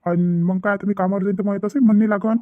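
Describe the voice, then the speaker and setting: A man's voice: sits high, little pitch movement, fast, dry recording, phone-quality sound, close to an everyday voice. A man voicing a worried young village brother who rambles and repeats himself in a cartoon family drama.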